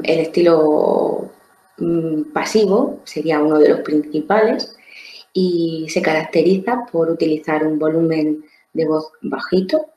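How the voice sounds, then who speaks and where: A woman trainer gives an explanatory lecture on social skills, going step by step, repeating words often, and checking in with tag questions. Her voice is low and warm, and the room is echoey.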